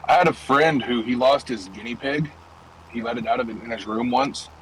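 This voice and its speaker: A man's voice: mid-range voice, brisk, fairly bright tone, a little hiss or hum, low-quality recording. A young man streaming and chatting loosely from his car, rambling through stories with plenty of swearing. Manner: loose, profane, rambling storytelling. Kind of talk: casual chat while gaming and driving.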